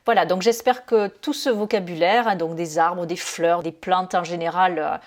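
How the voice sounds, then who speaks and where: A woman's voice: lowish voice, steady tone. A woman teaching English vocabulary in a lesson, saying each French word and then its English form, with many hesitations and fillers. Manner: slow, careful, says each English word after the French one.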